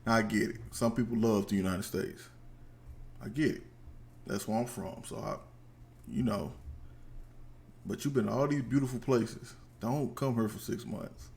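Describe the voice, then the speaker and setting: A man's voice: lowish voice, fairly even intonation, normal speed, vocal fry, long pauses, darkish tone. A man with a headset giving blunt, slangy commentary while reacting to a video at home. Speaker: reaction streamer.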